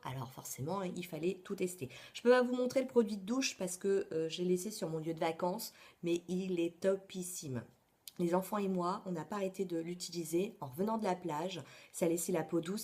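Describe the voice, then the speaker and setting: A woman's voice: lowish voice, darkish tone. Chatty woman vlogger. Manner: chatty, many hesitations and asides. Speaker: beauty vlogger. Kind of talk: casual beauty favorites vlog.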